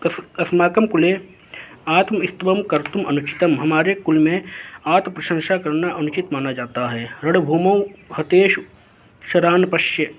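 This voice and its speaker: Male teacher, high tenor voice, reads a classical text aloud and then paraphrases it line by line. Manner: raises his voice when reading the lines of characters. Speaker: Sanskrit teacher. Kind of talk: explaining a Sanskrit text line by line in Hindi.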